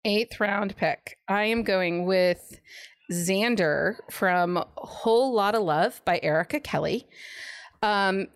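A woman's voice: mid-range voice, slow, smooth. Gushing woman raving about books. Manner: gushing, enthusiastic book recommender. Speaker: podcast co-host pitching a book pick. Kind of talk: casual book chat among friends.

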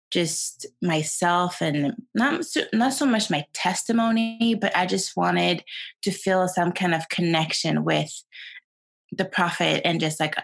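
A woman's voice: fairly low pitch, vocal fry, a bit bright. A young woman from Sweden, a guest chatting casually on a video call, laughing often and full of fillers. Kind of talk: casual interview chat.

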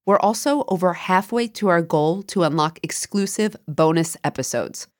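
A woman's voice: on the low side, normal speed. A woman co-hosting a podcast, chatting in an informal, conversational way. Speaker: podcast co-host. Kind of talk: casual chat.

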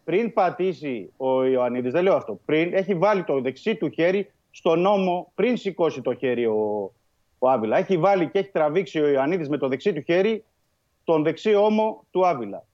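A man's voice: fairly high pitch, expressive, darkish tone, muffled recording. A man breaking down a refereeing call on a radio show, methodical and stubborn, talking over the others to finish his point. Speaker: refereeing pundit. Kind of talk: heated radio football debate.

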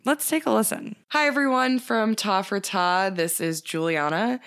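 A woman's voice: medium pitch, moderate pace, fairly bright tone, smooth. A woman hosting an interview podcast, reading a scripted intro and then chatting with a guest in an upbeat, enthusiastic way. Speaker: podcast host.

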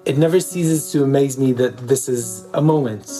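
Faint music plays behind a warm, mid-range male voice at an ordinary speed. He is a theater director from East Jerusalem appearing as an interview guest, thoughtful and sincere, with a habit of repeating words to stress them.

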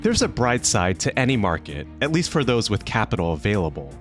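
Lively low-voiced male podcast host. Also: fairly quick, music in the background. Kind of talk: scripted narration.

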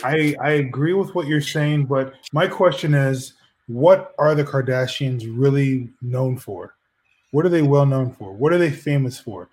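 Speaking at a measured pace in a mid-range, darkish voice, a man co-hosts a laid-back podcast conversation. He wanders as he argues his case, often starting over mid-thought.

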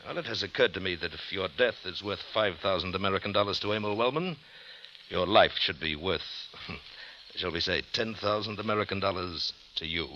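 An actor playing a suave, cold-blooded hired killer in an old radio drama, with formal, mannered diction and a silky, menacing delivery. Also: male voice, low voice, normal speed, bright, forceful tone, slight background noise, poor audio. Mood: silky, mocking. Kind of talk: 1950s radio drama acting.

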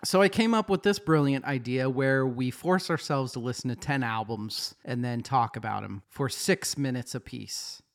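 A man's voice: mid-range voice, moderate pace, few pauses. A man hosting a music podcast, chatting casually with jokes and swearing. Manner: joking, profane, animated. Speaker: podcast host. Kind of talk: casual chat.

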